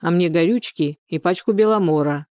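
A woman reading a storybook, voicing a blunt, surly village man in a curt, rough manner. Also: lowish voice, moderate pace, dark tone, no room sound, clean studio sound, close to an everyday voice. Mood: gruff.

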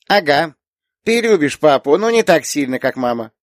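A man's voice: big pitch swings, moderate pace, dry recording, studio quality. A man reading an audiobook, voicing a cheerful, chatty little girl who keeps asking questions. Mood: eager. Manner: eager, questioning, high childlike voice. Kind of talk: audiobook character voice.

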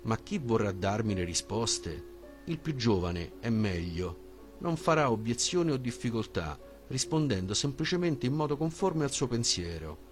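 A man's voice: medium pitch, very animated, unhurried, faint music behind. A man voicing a courteous, earnest male philosopher in an audiobook. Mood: obliging.

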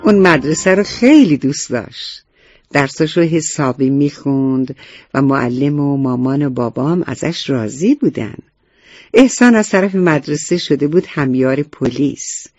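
A man's voice: a little high, darkish tone, no echo, dull audio, faint music behind. A man narrating a children's story, explaining things and addressing the young listeners directly.

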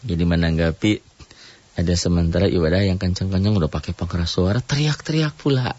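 A man with a low voice leads an informal religious lesson over the radio. He talks in a loose, conversational way and often stops to check in with the listener. The broadcast sounds dry and a little dull. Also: brisk, husky, no room sound. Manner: conversational, frequent "ya" and "gitu" tags, mimics loud worshippers in a high voice.

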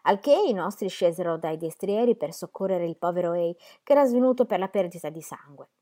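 A woman reading historical letters aloud in a measured, expressive storytelling manner. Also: lowish voice. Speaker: reader.

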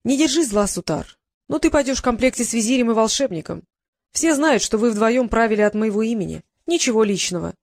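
A woman's voice: fairly high pitch, lively intonation, a little fast, dry recording, clean studio sound. A woman voicing a mild, sly sultan. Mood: gently commanding. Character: soft-spoken, yielding, gently cunning sultan, man.

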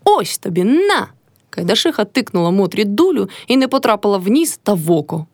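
A woman reading a classic novel aloud in an expressive narrating voice. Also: medium pitch, fast talker, no echo, clean studio sound. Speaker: reader.

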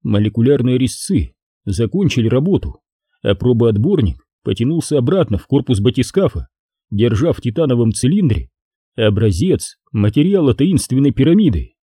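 A man reading a dramatic audiobook with expressive, tense storytelling. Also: mid-range voice, moderate pace, husky, no room sound, clean studio sound. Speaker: audiobook reader.

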